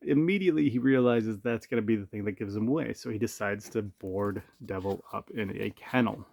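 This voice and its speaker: A man's voice: medium pitch, a little mellow, no room sound, studio quality. A man giving a casual spoken review, chatty and thinking aloud with fillers, recorded on a camera mic at home. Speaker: comic reviewer.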